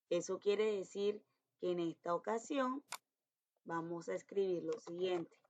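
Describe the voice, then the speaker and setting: A woman who teaches English to schoolchildren, explaining grammar step by step and slowly repeating example sentences. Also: fairly low pitch. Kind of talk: explaining grammar in an online lesson. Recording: dull lo-fi recording.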